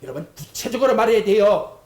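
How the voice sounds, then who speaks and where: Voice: mid-range voice, sing-song, a little fast, darkish tone. Pastor preaching hard, voice leaping up and down, church echo all around. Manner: fervent preaching, acts out prayers and quotes. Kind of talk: sermon. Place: church sanctuary. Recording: echoey church hall.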